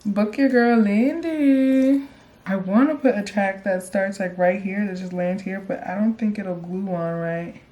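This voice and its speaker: A woman's voice: medium pitch, steady tone, moderate pace, hardly any pauses, mellow, a little hiss or hum. A young woman chatting casually to her viewers while doing her own hair, explaining each step in a self-assured way. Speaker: beauty vlogger. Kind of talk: casual hair tutorial talk.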